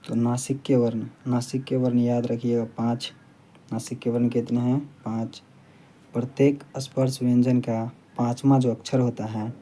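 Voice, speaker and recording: Dark, flat-voiced male teacher. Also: medium pitch. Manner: repeats key points for students to memorize; plain, steady explaining with frequent "ठीक है". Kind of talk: classroom lesson.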